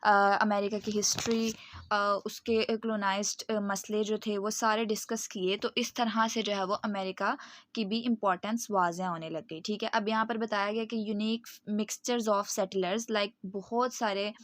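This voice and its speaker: A woman delivers a recorded lesson into a close, dead-dry microphone. Her voice sits at an ordinary middle pitch. She explains step by step and pauses to make sure her students are following. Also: steady tone, no echo. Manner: patient explaining, often checks in with "okay", reads English passages slowly. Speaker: lecturer. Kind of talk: recorded online lecture.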